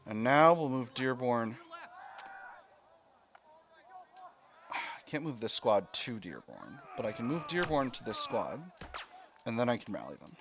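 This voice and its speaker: A man commentates on his own video game session. His voice sits at an average pitch. He works through decisions out loud, step by step, with mild exclamations. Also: big pitch swings, normal speed, background noise. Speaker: let's play host.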